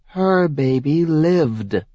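A man's voice: fairly high pitch, animated, very slow, dark tone, no room sound, pitched above the performer's own voice. A taunting goddess queen, voiced by a man. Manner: taunting, relentless, needling. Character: proud, scheming goddess queen, adult woman. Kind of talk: audiobook character voice. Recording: slightly dull, dry recording.

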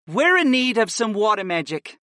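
Lifted, lively man playing a young woman summoner, scheming and keen, dry booth sound. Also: high-pitched, moderate pace, no echo, voice pushed up, exaggerated voice. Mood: eager. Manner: eager and scheming. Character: clever young female summoner mage. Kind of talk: audiobook character voice.

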